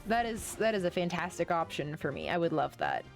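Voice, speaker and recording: Chatty woman streamer, lively pitch. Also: a little fast, faint music behind. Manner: chatty and rambling, often gushing. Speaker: game streamer. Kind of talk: casual live-stream chat while playing.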